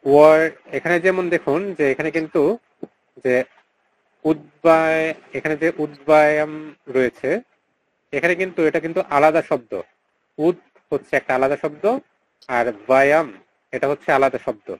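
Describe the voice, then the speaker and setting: A man teaching mantra recitation in an online class, repeating syllables slowly and chanting lines in a drawn-out tone over a video call mic. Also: on the high side, steady tone, rough recording. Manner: slow, repeats syllables to model pronunciation.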